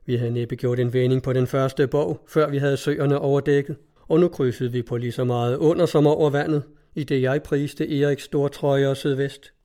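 Male audiobook narrator, dark mellow voice, flat measured delivery, classic novel. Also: mid-range voice. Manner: even, measured storytelling. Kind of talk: reading a classic novel aloud.

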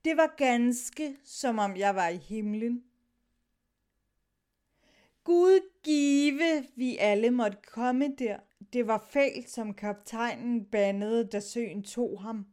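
A woman with a high-pitched voice reads a sailors' story aloud. She shifts her tone as she moves between the sailors' lines. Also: a little mellow, smooth. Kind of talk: dramatic reading of a sea story.

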